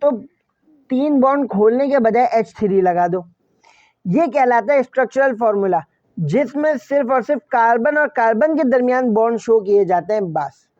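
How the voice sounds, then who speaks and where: In a classroom chemistry lecture, a man speaks at normal speed in a very high, slightly mellow voice with lively intonation. He addresses students directly, answers his own questions and repeats key phrases, and the muffled recording has no echo.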